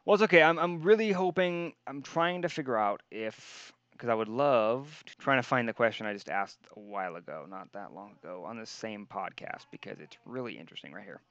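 A man's voice: on the low side, brisk, hardly any pauses, fairly bright tone, dry recording, muffled recording. A man hosting a podcast in casual chat, rambling, laughing and swearing casually. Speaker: podcast host.

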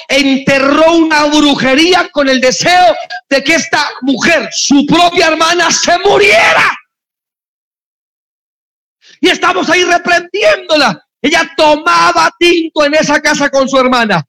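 A man preaching a sermon, impassioned and often shouting as he tells stories. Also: extremely high pitch.

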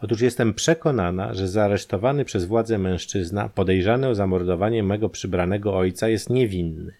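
A man's voice: fairly low pitch, brisk, a little mellow, natural voice. A man voicing a distraught young woman who pleads earnestly and urgently in an audiobook. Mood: earnest pleading.

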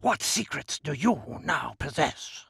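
A man voicing a cunning, menacing giant djinn king, deep-toned and slow, in a hushed threatening manner. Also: big pitch swings, creaky, breathy edge, no echo, studio quality, exaggerated voice. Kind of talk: audiobook character voice.

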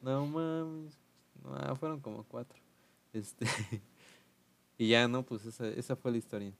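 Mexican guy rambling thru a funny story, slangy, jumps up high when he quotes people. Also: steady tone, slow pace, vocal fry. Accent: Mexican Spanish. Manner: slangy, laughing, acts out quotes in raised voices. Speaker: podcast host telling a story. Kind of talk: casual chat, storytelling.

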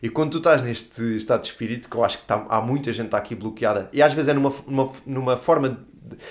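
A man's voice: medium pitch, fast. A man with a European Portuguese accent explaining his views earnestly and informally in a casual podcast conversation, with slangy check-in tags. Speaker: podcast guest.

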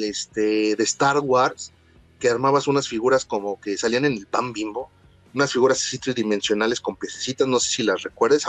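A man's voice: medium pitch, no room sound. A man with a Mexican accent telling childhood stories in casual, slangy chat, acting out what people said. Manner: animated, slangy, acts out quotes.

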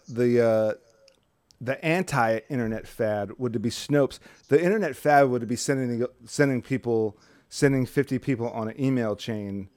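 Dude swearing and joking around on a podcast, dry close mic. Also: male voice, mid-range voice, darkish tone, no room sound. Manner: profane, loose and joking. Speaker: podcast co-host. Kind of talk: casual chat.

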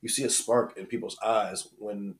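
An American man co-hosting a podcast, speaking in laid-back, fairly monotone casual chat. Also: on the low side, normal speed. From United States. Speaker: podcast co-host.

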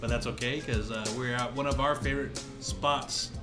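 A man co-hosts a casual podcast chat from a little way off the mic. His pitch is ordinary for a man, and music plays clearly behind him as he talks on location. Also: steady tone, moderate pace. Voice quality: sounds a little far from the mic. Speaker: podcast co-host. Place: on location at a brewery.

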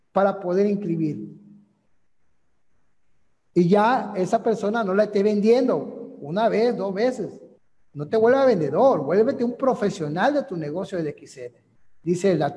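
A man giving an energetic motivational sales training talk, often checking in with the audience. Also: high voice, big-room sound. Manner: energetic, repetitive, asks for agreement ("¿sí?").

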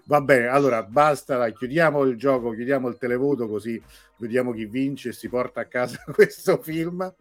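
A man with a Roman Italian accent hosts a casual live show in a mid-pitched voice. He plays the showy quiz master, rambling and joking at his own expense as he talks to his audience. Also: moderate pace, faint music behind. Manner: rambling, self-mocking. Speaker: host of a live online talk show.

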